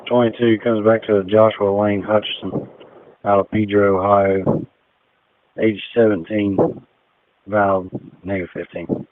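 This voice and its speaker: A man's voice: lowish voice, level tone, measured pace. Man on a tinny police radio. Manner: clipped, matter-of-fact radio codes. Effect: police radio transmission.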